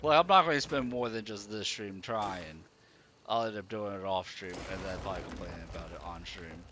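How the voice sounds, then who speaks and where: A man's voice: sits low, brisk. A man streaming a game, giving casual live commentary as he thinks aloud and grumbles. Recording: clear background noise.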